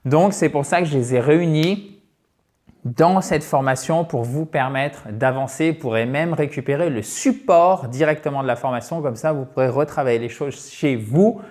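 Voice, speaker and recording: A man's voice: a little high, normal speed, darkish tone. A middle-aged man, an online English teacher, chatting straight to his viewers about a free course, addressing them as friends and checking in with them again and again. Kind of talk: direct-to-viewer course promotion.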